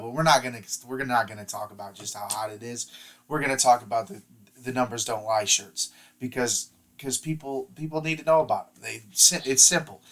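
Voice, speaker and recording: A man co-hosting a sports podcast from home, talking over a remote link at a middle pitch. His talk is loose and chatty. He keeps doubling back on his own words before he pushes on. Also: sharp tone. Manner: rambling, repeats words while restarting sentences. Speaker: podcast co-host. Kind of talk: casual sports podcast chat. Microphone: remote podcast mic over the internet.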